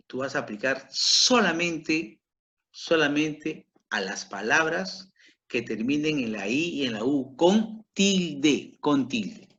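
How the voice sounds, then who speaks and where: Slow-paced male grammar teacher. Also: medium pitch, fairly bright tone. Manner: slow, repetitive, checks in with "¿ok?". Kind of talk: grammar lesson. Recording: dull lo-fi recording.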